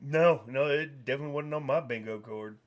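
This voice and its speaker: A man's voice: medium pitch, a little fast. A middle-aged man hosting a stream, telling a story in casual chat, mimicking other voices and laughing often. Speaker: streamer host.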